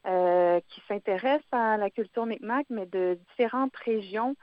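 A woman's voice: medium pitch, measured pace, dry recording. A Quebec French woman talks as a radio guest, hesitating often and restarting her phrases. Her voice comes through dry and a little dull, as if from a lo-fi line. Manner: hesitant, many "euh" fillers and restarts. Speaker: guest, founder and director of a cultural organization. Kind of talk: radio interview.

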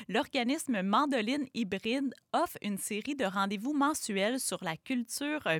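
Quebecois radio host lady, clean dry studio voice, smooth intro then chatty questions. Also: medium pitch, a bit bright, dry recording. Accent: Quebec French. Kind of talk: radio interview.

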